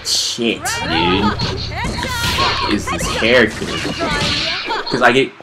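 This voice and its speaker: A young man doing casual, profane game commentary with slangy frat-bro talk, excitable and whiny when he is losing. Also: mid-range voice, extremely slow. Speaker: gamer doing a playthrough of a fighting game. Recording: loud game music behind. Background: loud game music.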